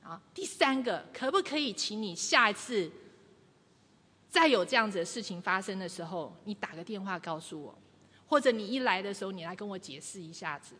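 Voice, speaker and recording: A woman giving a lively church teaching, acting out quoted lines with humor. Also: medium pitch, fairly quick, slightly rough. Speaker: church speaker. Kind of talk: sermon teaching to a congregation. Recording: long reverb of a large hall.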